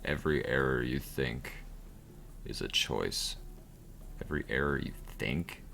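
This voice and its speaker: A dry, sardonic game narrator with an extremely deep, gravelly voice, read aloud by a man. His pitch moves in lively swings as he mocks the player. A faint room ambience sits underneath. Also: measured pace, a little hiss or hum, full character voice. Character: sarcastic male game narrator.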